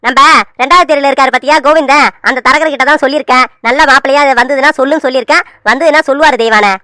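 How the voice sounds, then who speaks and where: A soothing cartoon village father, voiced by a woman, speaks in a quick and bright tone. The voice sits high and the sound is close and dry. He talks gently and calmly, like someone reassuring his worried wife. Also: no room sound. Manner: calm, soothing, repeats the wife's name. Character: village father, middle-aged man, easygoing and reassuring. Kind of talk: Tamil cartoon serial voice acting.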